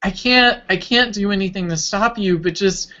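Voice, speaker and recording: Embarrassed reluctant little schoolkid done by an adult, bright voice, hesitant, improv comedy, slightly lo-fi. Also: medium pitch, moderate pace, close to an everyday voice. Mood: pleading. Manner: hesitant, sheepish. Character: embarrassed, reluctant second-grade child hiding under a mask.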